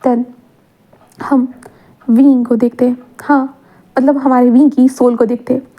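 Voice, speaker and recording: A woman's voice: high voice, flat delivery, measured pace, mellow. A woman telling a story casually, repeating herself and mixing in English words. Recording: tinny phone-like audio.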